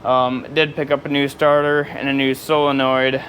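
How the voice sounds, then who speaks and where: A man's voice: medium pitch, little pitch movement, normal speed, a bit bright, a little hiss or hum. A tired man vlogging outdoors beside his truck, rambling easily with lots of fillers. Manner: rambling, easygoing, with many fillers and laughs. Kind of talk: casual off-the-cuff vlog talk.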